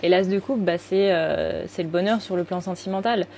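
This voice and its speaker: A woman's voice: fairly low pitch, normal speed, warm tone, slight background noise. A woman giving a casual, rambling tarot reading, full of fillers and self-corrections. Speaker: tarot card reader.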